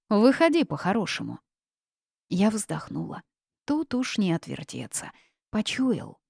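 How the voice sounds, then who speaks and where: A woman narrating a first-person storybook in a lively, expressive way, recorded on a close studio mic. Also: fairly low pitch, vocal fry, no room sound. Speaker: audiobook narrator.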